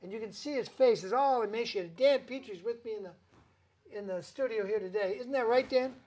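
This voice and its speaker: A man's voice: extremely high pitch, normal speed, a little mellow. A man hosting a studio talk show, ranting emphatically and indignantly.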